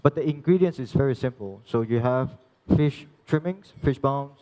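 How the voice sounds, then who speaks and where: A young man from Hong Kong, working as a chef, giving a live cooking demonstration and explaining each step in a halting way with many restarts. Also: medium pitch, mellow. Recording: long reverb in a large hall.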